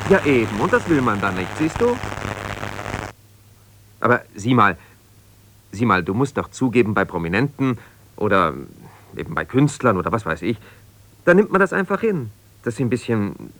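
Playing an ambitious, newly separated lawyer in a naturalistic 1970s German radio drama of one-sided phone calls, a man with a mid-range voice sounds forceful, strained and evasive. He halts and repeats himself, trying to reassure and placate while growing exasperated.

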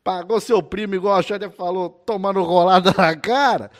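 A man's voice: high voice, normal speed. A man with a Brazilian accent hosting a podcast, joking crudely and laughing often. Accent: Brazilian Portuguese. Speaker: podcast host. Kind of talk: casual podcast banter.

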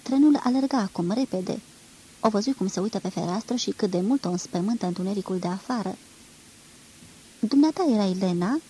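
Woman, audiobook reader, measured expressive narration, warm mellow tone, faint noise. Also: medium pitch, rough recording. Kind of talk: literary audiobook reading.

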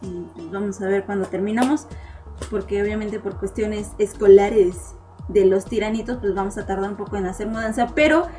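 A woman's voice: medium pitch, moderate pace, mellow, soft background music. A woman with a Mexican accent hosting a casual live online chat show, talking with her viewers in a chatty, giggly way and repeating words as she goes. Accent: Mexican Spanish.

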